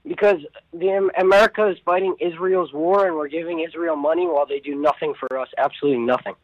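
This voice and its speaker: A man's voice: on the high side, fairly even intonation, quick pace, no echo, dull audio. A man calling in to a radio show by phone, giving casual, blunt and emphatic opinions. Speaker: phone-in caller. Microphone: phone call.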